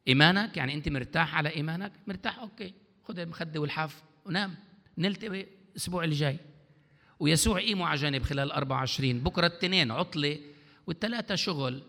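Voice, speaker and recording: A man's voice: fairly high pitch, gravelly, bright, forceful tone. A man preaching a sermon as pastor, throwing out questions for the congregation to answer. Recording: long hall reverb.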